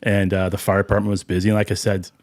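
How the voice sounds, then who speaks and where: Low-voiced man, reflective and halting. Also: little pitch movement, no echo, studio quality. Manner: reflective, halting, many fillers and restarts. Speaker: podcast guest, firefighter and junior hockey coach. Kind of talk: casual interview talk.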